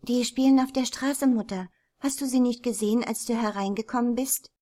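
Woman doing a teen girl, soothing and coaxing, lifted high. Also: fairly quick, warm tone, close to an everyday voice. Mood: casual. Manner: reassuring, coaxing. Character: dark-haired teenage daughter, soothing.

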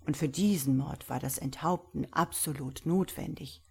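A woman voicing a calm, thoughtful small old priest who speaks quietly and mildly in a read-aloud story. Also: low voice, moderate pace, gravelly, slightly rough, voice pushed down, heavily acted. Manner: quiet, mild, musing.

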